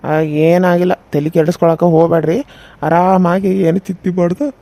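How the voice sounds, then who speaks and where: A performer voicing a reassuring small-town male doctor with a North Karnataka Kannada accent, who speaks in a calm, matter-of-fact way. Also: medium pitch, moderate pace, no echo, close to an everyday voice.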